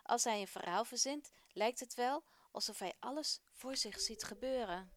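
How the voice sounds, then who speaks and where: A woman hosting a children's radio program, reading a family story aloud in clear, warm storytelling. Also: fairly high pitch, normal speed, no room sound. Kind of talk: scripted story narration for children.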